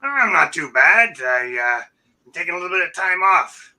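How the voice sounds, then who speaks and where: A man voicing a friendly, middle-aged male closet monster who talks haltingly with lots of uh. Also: high-pitched, big pitch swings, bright, forceful tone, full character voice, low-quality recording. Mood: cheerful. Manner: halting, says uh a lot, mild and polite.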